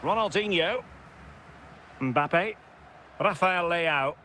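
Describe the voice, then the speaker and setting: A man calling a football match play by play in brisk bursts, naming players as the ball moves, recorded in a studio and played from a game. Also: high voice, animated, bright, forceful tone, a little hiss or hum. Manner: brisk calls of player names. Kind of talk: sports commentary.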